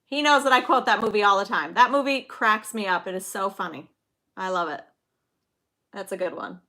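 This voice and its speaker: Hosting a livestream, a middle-aged woman speaks at a moderate pace in a bright, forceful mid-range voice. She's chatty and enthusiastic in the casual live chat, reads movie quotes, and cheers on her viewers by name.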